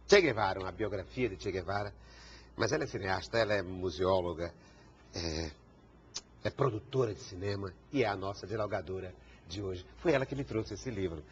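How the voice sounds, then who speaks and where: A man's voice: sits low, lively intonation, a little fast. Man hosting a TV interview show. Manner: rambling, stumbles and repeats words. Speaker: TV talk show host. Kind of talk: TV interview conversation. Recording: dull TV broadcast sound with faint hiss.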